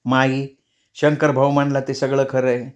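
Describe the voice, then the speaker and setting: A man's voice: medium pitch, level tone, normal speed, close to an everyday voice. A man voicing an earnest young village girl in a storybook reading.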